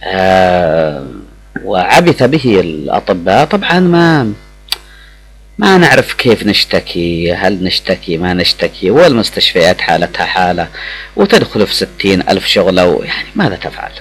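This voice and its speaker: Middle-aged man, low husky voice, emotional, halting radio talk, faint music and hum. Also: big pitch swings, poor audio. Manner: emotional, with many hesitations and restarts. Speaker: radio speaker. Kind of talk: reflective personal talk.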